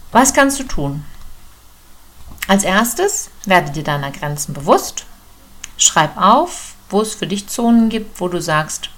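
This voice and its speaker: A woman giving a personal, direct self-help talk that speaks to the listener as a friend. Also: on the low side. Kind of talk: casual coaching monologue. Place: room indoors with a door.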